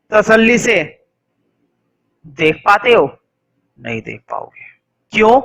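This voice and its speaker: A young adult man teaching a science class, quizzing students and slowly dictating notes word by word. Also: sits high, pushed and bright, poor audio. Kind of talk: classroom lecture in Hindi with English dictation.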